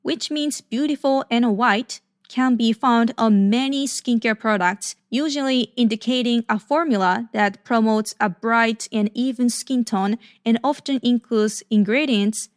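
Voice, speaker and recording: A woman co-host with a slightly high, smooth, resonant voice. She moves between tidy scripted narration and halting casual talk full of "like.". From Japan. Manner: hesitant, many filler "like"s when unscripted.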